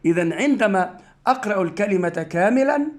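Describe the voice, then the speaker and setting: A male teacher giving a reading lesson for children, sounding out syllables and words slowly with stretched vowels. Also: sits high, lively intonation. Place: Medina, Saudi Arabia school.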